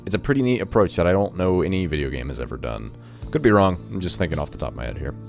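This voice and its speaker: A man's voice: low voice, lively intonation, very fast, creaky, a little mellow. A man hosting casual first-impressions video game commentary, talking informally as if thinking aloud. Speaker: video game review host. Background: music.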